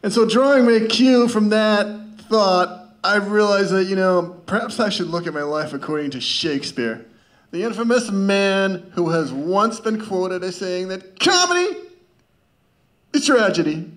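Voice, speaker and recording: High-voiced rambling stand-up comic man. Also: moderate pace. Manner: rambling storytelling, stammers and restarts, chuckles. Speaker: stand-up comedian. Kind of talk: stand-up comedy.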